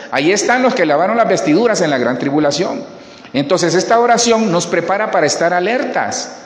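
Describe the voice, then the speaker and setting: Pastor guy preaching, repeats himself a lot, echoey hall. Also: high voice. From Colombia. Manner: preaching emphatically, repeating words and addressing the congregation. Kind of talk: sermon. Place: church hall.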